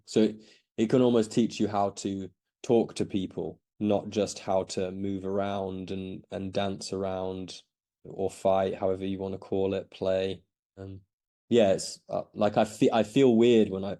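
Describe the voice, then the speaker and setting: A man's voice: deep voice, level tone, moderate pace, dark tone. A man in his thirties who grew up in Belgium, answering interview questions in a casual, hesitant way with many restarts. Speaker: podcast guest.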